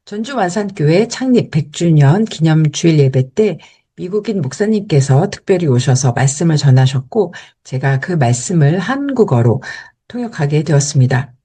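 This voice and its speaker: A woman with a low, dark voice and a slightly husky edge explains how she works as a sermon interpreter. Her delivery is measured and careful, though her pitch moves in a lively way. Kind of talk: explanatory talk.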